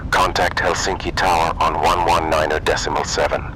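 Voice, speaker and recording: Male controller, very low yet sharp-edged voice, procedural radio delivery with faint rumble. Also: level tone, a little fast, poor audio. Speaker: air traffic controller.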